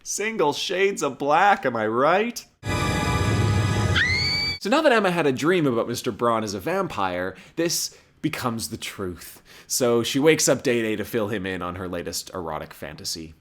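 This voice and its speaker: A sarcastic male commentator with animated pitch narrates an episode summary as a comedic reviewer, at a moderate pace. His scripted commentary is humorous, mocking and wisecracking, with music playing behind him.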